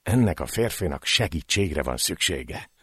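A man voicing a troubled native man who murmurs a soft, humming death song. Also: deep voice, expressive, dry recording, clean studio sound. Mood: hushed mournful.

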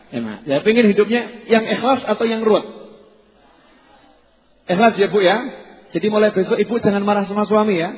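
A man with a Javanese accent preaching a casual, joking sermon to a congregation, slipping in Javanese phrases. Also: high-pitched. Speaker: Islamic preacher. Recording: dull sound with long hall reverb.

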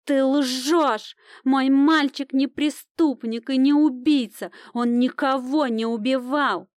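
A woman voicing a grumpy, frightened old village woman who fiercely shields her son, snapping back in a defiant, drawn-out voice. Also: on the high side, fairly even intonation, clear, resonant tone, dry recording, clean studio sound, voice pushed up, lightly acted. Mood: desperate shrill.

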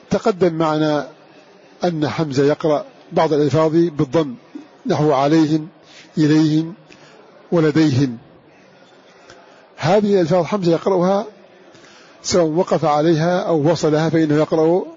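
Man teaching Quran readings, husky, lo-fi. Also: a little high, mellow. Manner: measured, quotes verses and recites examples slowly. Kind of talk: religious lesson explaining a verse text.

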